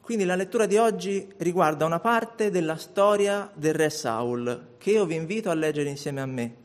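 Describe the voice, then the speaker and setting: A male preacher whose voice sits a touch high for a man. He reads scripture to a church congregation, taking it slow and deliberate, then steps into a sermon. His delivery stays steady and measured from start to finish. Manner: measured, deliberate reading aloud. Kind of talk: sermon with Bible reading.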